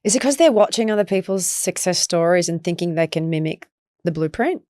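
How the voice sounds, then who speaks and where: Podcast host, curious questioner, mid-pitched voice, dry close mic. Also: animated, darkish tone, clean tone, no echo. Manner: curious, quick follow-up questions. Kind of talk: interview conversation.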